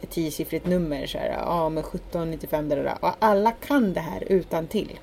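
A woman's voice: low-pitched, gravelly. A woman from Sweden, co-hosting a podcast in casual chat, telling stories with acted-out dialogue. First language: Spanish. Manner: animated storytelling, acts out quoted dialogue. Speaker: podcast co-host. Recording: faint background noise.

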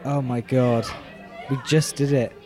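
A co-host on a casual pub-recorded podcast, excitable and cheerful, answering quiz questions. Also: mid-range voice, unhurried, crowd noise. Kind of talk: casual chat.

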